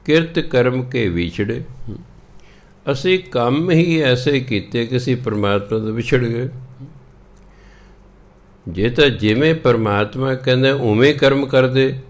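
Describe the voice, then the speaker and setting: A man with a Punjabi accent explaining scripture in a sermon, chanting verses slowly and stopping to correct how words are pronounced. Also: medium pitch. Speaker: Sikh scripture preacher.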